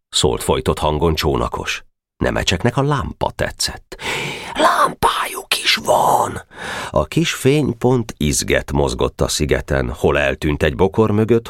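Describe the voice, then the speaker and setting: Very deep-voiced male audiobook narrator. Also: no echo, clean studio sound. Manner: reads all the boys' parts himself, whispering and calling out in the tense night scenes. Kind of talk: audiobook reading of a classic novel.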